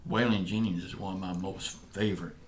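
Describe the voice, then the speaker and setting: A man's voice sits low and steady as he co-hosts a vlog in a Southern US accent. He answers questions from viewers in casual chat, easygoing and slightly rambling, stumbling along with filler words.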